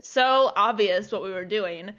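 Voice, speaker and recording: A woman's voice: medium pitch, measured pace, pushed and bright, dull audio. A young woman telling a story in casual chat, with lots of "like" fillers. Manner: chatty, heavy use of "like" fillers.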